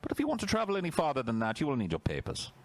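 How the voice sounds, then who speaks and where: A man's voice: on the high side, huge pitch swings, rapid-fire, no echo, voice pushed up, heavily acted. A man voicing an officious, commanding authoritarian official who recites rules formally in an escalating comedy rant. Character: barking officious male authoritarian official demanding papers.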